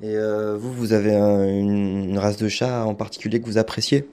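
A man's voice: on the low side, little pitch movement, normal speed, dark tone, smooth. A man interviewing guests, asking brief questions with hesitant fillers.

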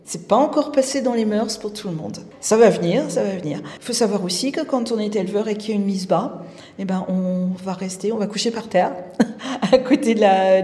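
A woman's voice: mid-range voice, mellow, long reverb tail. A woman, a cat breeder, explaining matter-of-factly in an interview. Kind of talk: interview answers.

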